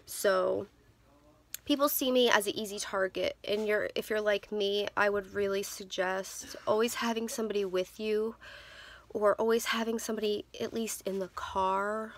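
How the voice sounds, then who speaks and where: Twenty-something woman rambling through a story to her phone, mid pitch, lots of ums. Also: fairly even intonation, moderate pace. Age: 20s. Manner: candid, rambling with many ums and restarts. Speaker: vlogger. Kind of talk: casual storytelling to camera. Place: in a car. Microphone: phone camera.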